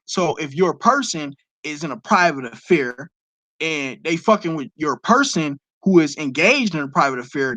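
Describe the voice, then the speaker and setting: Recorded dry and close with no echo, a man from Detroit talks casually on a live stream in a fairly high, fairly bright voice. He lectures with emphasis, responds to viewers' questions, and lets some profanity slip.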